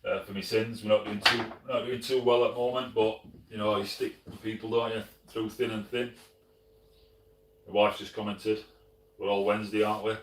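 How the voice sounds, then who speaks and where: A middle-aged man with a Sheffield Yorkshire accent, casually answering live chat as host, relaxed and full of fillers and restarts. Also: on the low side, fairly quick, far from the mic, slight background noise. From Sheffield, England. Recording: roomy, from off the mic.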